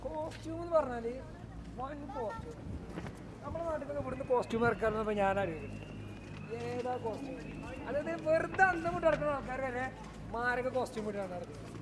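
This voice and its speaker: A man with a Kerala Malayali accent giving an animated, casual travel vlog, mixing English words into his Malayalam. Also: very high-pitched, fast. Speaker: travel vlogger. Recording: clear outdoor street and vehicle noise.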